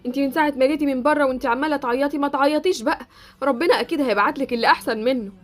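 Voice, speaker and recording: A woman's voice: sits high, racing, close to an everyday voice. A woman voicing an affectionate, teasing middle-aged mother in an Egyptian Arabic Roblox drama. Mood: soothing. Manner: affectionate, joking.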